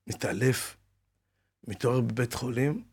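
A man's voice: mid-range voice, darkish tone, slightly rough. A man telling his life story in an interview, with a dramatic manner that acts out the voices of the people in it. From Israel. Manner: dramatic retelling with acted-out quotes. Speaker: guest.

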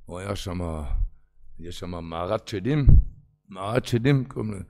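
A man giving a religious lecture, telling parables and acting out their characters, moving between hushed and loud. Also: deep voice, gravelly. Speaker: rabbi.

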